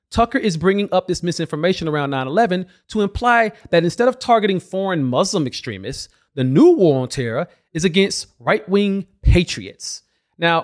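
A man delivering scripted political commentary as a host, with a sarcastic, mocking manner. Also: sits high.

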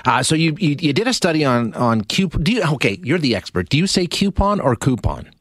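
A man hosts an interview with a lively, chatty delivery. His voice sits a bit high and swings widely in pitch, recorded clean and dry. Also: quick pace, no echo. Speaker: radio interviewer. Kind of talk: conversational interview hosting.

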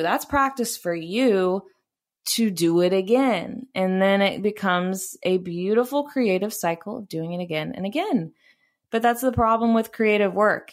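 A young woman hosting a podcast, talking candidly and casually, swearing freely and laughing now and then as she gives advice from a bubble bath. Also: mid-range voice. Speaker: podcast host.

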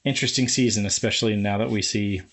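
A man's voice: fairly low pitch, fairly even intonation, fast, a bit bright. A man co-hosting a racing podcast, steering the talk from one update to the next. He keeps it chatty and light and laughs easily. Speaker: podcast co-host. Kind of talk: casual chat.

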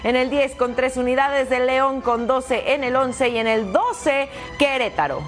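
A woman co-hosting a sports show, presenting football highlights in a chatty, colloquial way. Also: unhurried. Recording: music bed behind the voice.

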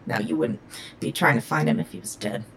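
A woman's voice: low voice, brisk, background noise, close to an everyday voice. Woman as a blunt, snarky ship computer. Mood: snarky, bitter. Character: foul-mouthed, bitter, sarcastic shipboard AI computer. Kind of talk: scripted audio comedy acting.

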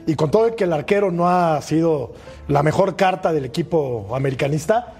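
Man, high-pitched, polite challenger, sports panel. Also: a little fast, creaky, darkish tone, faint music behind. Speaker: sports pundit. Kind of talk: studio sports debate.

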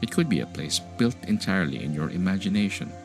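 A man guiding a meditation in a slow, soothing sleep-story style, with gentle, unhurried and calming instruction. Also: low-pitched. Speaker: meditation podcast host and guide. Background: music behind the voice.

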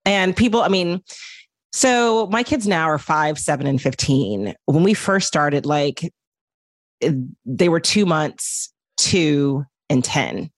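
A woman's voice: low-pitched, animated, slow, no echo. Easygoing woman guest, dry sound. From Houston, Texas. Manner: easygoing, talkative, laughs often. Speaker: guest, doula. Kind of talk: casual interview chat.

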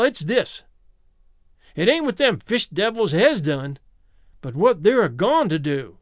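A man's voice: extremely high pitch, a bit bright, dry recording, studio quality, voice pushed up, full character voice. A man voicing a mad, terrified old townsman, ranting in rustic speech. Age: older. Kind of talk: audiobook character voice.

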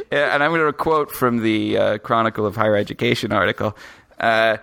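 A man's voice: lowish voice, steady tone, normal speed, vocal fry, a bit bright, no echo. Wry male podcast co-host, dry sound. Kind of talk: casual chat.

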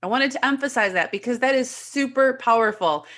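A woman's voice: fairly high pitch, fairly quick, fairly bright tone. A woman hosting an interview, stressing and repeating key points for the listeners. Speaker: host. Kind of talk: conversational interview.

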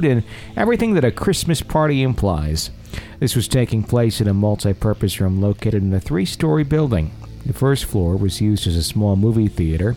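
A man with a warm, medium-pitched voice hosts a podcast, chatting casually and reading listener stories aloud in an agreeable, conversational way. Music plays behind his voice.

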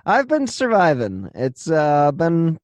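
A man's voice: a little high, huge pitch swings, takes it slowly, no echo. Man hosting a podcast, close dry sound. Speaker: true crime podcast host. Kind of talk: podcast introduction and casual chat. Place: studio.

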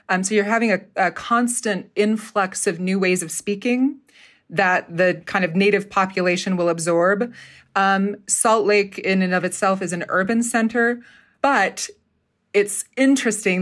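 A woman from Utah, a dialect coach and theater professor, explaining in a relaxed, conversational way with small restarts. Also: medium pitch.

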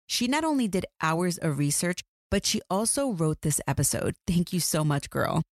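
A woman's voice: fairly low pitch, sing-song, moderate pace, dry recording, clean studio sound. A woman hosting as a true crime narrator, reading a script with folksy, informal asides straight to the listeners. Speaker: true crime podcast host.

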